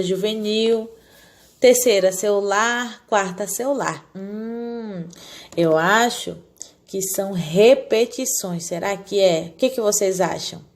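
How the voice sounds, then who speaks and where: A woman teacher gives a recorded lesson to young children. She speaks at a mid pitch, in a patient, explanatory way. She keeps asking the class questions and answers them herself, talking down gently to the little ones. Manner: talks down gently to small children. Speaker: primary school teacher.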